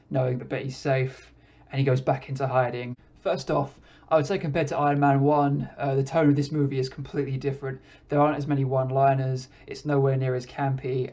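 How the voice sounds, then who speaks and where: Male podcast host, casual review monologue, mellow tone, dull lo-fi sound. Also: mid-range voice. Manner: relaxed, conversational, hesitant with frequent "uh". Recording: dull lo-fi recording.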